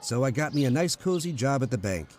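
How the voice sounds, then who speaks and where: A man plays an easygoing, wry, folksy drifter who dreams of building boats in an old-time radio romantic comedy, with a lightly acted, easygoing and reflective mood. He talks fast and expressively at medium pitch with a darkish tone, over slight background noise.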